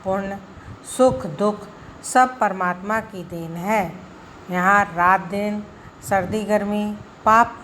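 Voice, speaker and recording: A woman teacher giving a school grammar lesson, explaining slowly and deliberately with examples. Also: medium pitch, fairly bright tone, slight background noise.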